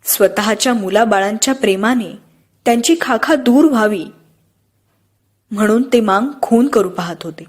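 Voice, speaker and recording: A woman narrating an audiobook in a steady, expressive storytelling manner. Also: mid-range voice, moderate pace.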